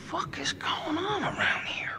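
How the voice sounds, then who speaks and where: A man's voice: very high-pitched, a little slow, creaky, heavily acted. A frightened, whispering young man. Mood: tense hushed. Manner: tense, hushed, urgent. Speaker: game character. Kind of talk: video game voice acting.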